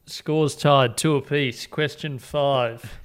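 A man's voice: medium pitch, fairly even intonation, takes it slowly, clean tone. An Australian man casually putting quiz questions to his mates as a podcast host.

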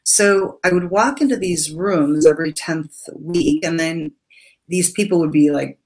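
A woman's voice: low-pitched, a little slow, rough recording. A middle-aged woman telling an earnest, emotional story as a guest speaker in an interview, with many fillers.

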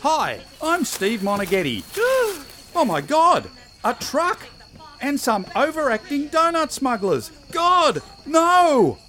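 A man's voice: very high-pitched, big pitch swings, slow, pushed and bright, soft background music, exaggerated voice. A man playing a naive, cheerful jogger in a comedy audio drama, overacting like a hammy stage actor and declaiming his lines. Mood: melodramatic alarm. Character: unassuming male jogger, cheerful, naive, melodramatically alarmed.

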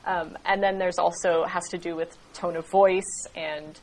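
Female guest expert, fluent explainer with an easy laugh, voice on the low side. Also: steady tone, measured pace, darkish tone, a little hiss or hum, rough recording. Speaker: guest expert on interaction and politeness. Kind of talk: explanatory interview answers.

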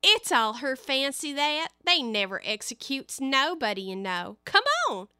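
A coarse, mocking griffin from a storybook, voiced by a woman speaks loudly and slowly with broken grammar. The voice sits high and bright. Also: animated, smooth, no echo, studio quality, heavily acted. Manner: loud, slow, mocking. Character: coarse cheerful griffin creature, ungrammatical.

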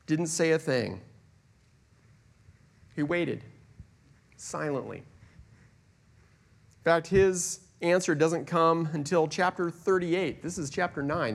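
A pastor delivering a sermon in a church, earnest and deliberate, slowing down to stress key words and swinging between soft and loud. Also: male voice, fairly high pitch. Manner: earnest, with slow deliberate emphasis and swings in loudness. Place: church sanctuary.

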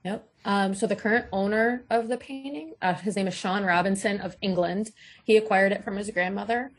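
A woman co-host telling a researched ghost story on a radio talk show, relaxed and pausing with frequent fillers. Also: medium pitch. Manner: relaxed, hesitant with many "um"s.

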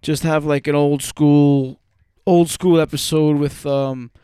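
Clear, higher-pitched male podcast host. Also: level tone, slow, mellow, dry recording, studio quality. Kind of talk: casual podcast chat.

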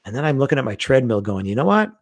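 Talking fast in a casual conversation, a middle-aged male guest tells animated stories and acts out the lines he quotes. His voice is medium-pitched, and the recording has no room sound.

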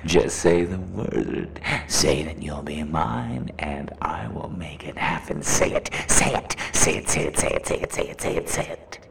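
A man voicing a cruel shapeshifting cave creature that taunts its captive in a slow, menacing whisper, in an audio roleplay. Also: extremely low pitch, exaggerated voice. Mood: insistent. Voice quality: gravelly.

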